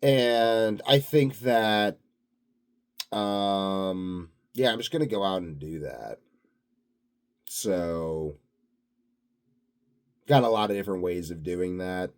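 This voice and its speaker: Taking his time with long pauses, a man with a low, clear, resonant voice wanders through an unscripted vlog monologue. He is a self-proclaimed health and sleep expert, thinking aloud in a grandiose, confident way.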